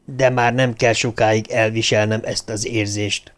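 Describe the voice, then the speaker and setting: A man's voice: fairly low pitch, flat delivery, clean tone, natural voice. A male audiobook reader voicing a cold, scheming ruler who threatens a young man at gunpoint. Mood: cold menacing. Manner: icy, clipped, menacing.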